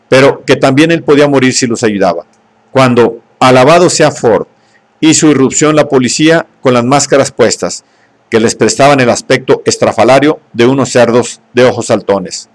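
A man narrating an audiobook in a steady, measured reading voice. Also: mid-range voice. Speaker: audiobook reader.

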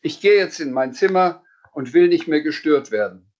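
A man's voice: on the high side, normal speed, darkish tone, dull audio, close to an everyday voice. A man voicing a fussy, cross landlady who scolds indignantly, in a raised voice. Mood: scolding.

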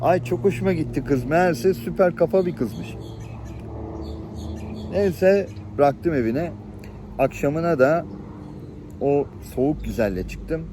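A middle-aged man telling personal stories to the camera in a lively, chatty way, chuckling now and then and acting out the people in them. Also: fairly high pitch, measured pace, long pauses, background noise. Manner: lively anecdotal storytelling, chuckles and acts out voices. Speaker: channel host. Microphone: camera-facing, showing viewers things on screen.

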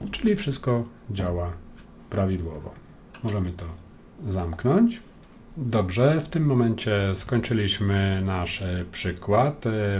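A man with a Polish accent walks through code in a screen-recorded programming lesson, calm and methodical, often pausing on a drawn-out "e". His voice sits low and sounds dark and mellow. Faint room hiss and keyboard typing sit under the narration. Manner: calm, explains step by step with frequent "e" hesitations. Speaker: programming tutor. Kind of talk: screen-recorded coding tutorial.

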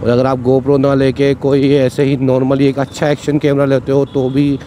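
At a normal speed and in a middling register, a young moto vlogger chats and explains while riding through town, often saying "ठीक है". Road rumble and steady traffic run clearly under his voice, picked up by a cheap wired mic worn on his body.

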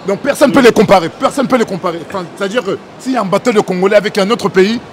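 A man's voice: sits high, racing, a little hiss or hum. A young man interviewing passers-by in a city street, teasing and pushing them for answers, recorded outdoors under a covered plaza with a handheld mic. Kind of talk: street vox pop interview.

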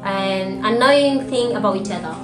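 Sitting on the sofa at home with her husband, a vlogger co-host from Rwanda in her 20s makes casual conversation at a medium pitch and normal speed. She's chatty, often laughing, sometimes letting her words fade off quietly. Background music plays in a roomy-sounding indoor recording.

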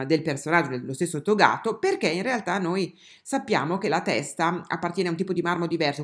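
Low-voiced woman teaching art history, lots of ums and restarts, talks right to the class. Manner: hesitant, many fillers and restarts; addresses viewers directly. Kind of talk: online art history lesson.

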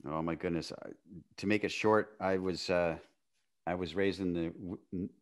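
A man in his fifties from northwestern Canada, a guest on a video-call podcast, telling his story in a relaxed way with frequent laughs and quiet, trailing phrases. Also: moderate pace. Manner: relaxed, laughs often, drifts into a quiet, low voice. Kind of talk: casual conversation. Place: home room, video call. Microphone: studio mic on a boom arm.

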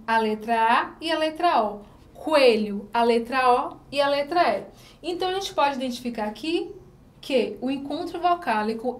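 A woman teacher with a Brazilian Portuguese accent, giving a recorded lesson to children, patiently repeating syllables and asking questions. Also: high voice.

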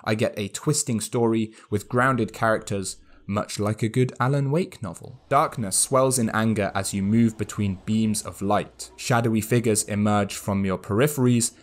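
Wry man reviewing games. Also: on the low side. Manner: wry, dry, candid, chuckles at his own jokes. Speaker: game reviewer. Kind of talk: scripted review narration.

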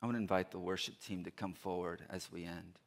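A middle-aged man preaching a sermon on a large church stage, speaking into a headset mic. He repeats phrases with earnest emphasis, moving between loud urging and quiet appeals. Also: sits low, fairly even intonation, fast talker. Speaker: pastor.

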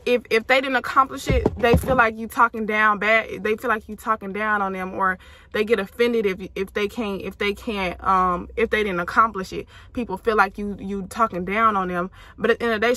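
A woman's voice: a little high, bright, forceful tone, no room sound. A young adult woman vlogger chatting casually from a car, blunt and emphatic, with slang and laughs. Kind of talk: casual chat. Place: inside a car.

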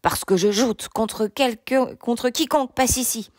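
A woman voicing an arrogant, mocking giant knight-king in an audiobook reading, with a slow, boastful, taunting delivery. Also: fairly high pitch, a little mellow, no room sound, clean studio sound.

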